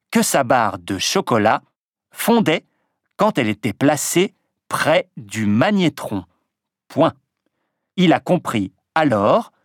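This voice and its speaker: Slow, deliberate man reading a dictation. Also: dry recording, studio quality. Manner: measured and deliberate, drops pitch on spoken punctuation marks. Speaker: dictation reader. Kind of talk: slow French dictation, punctuation spoken aloud.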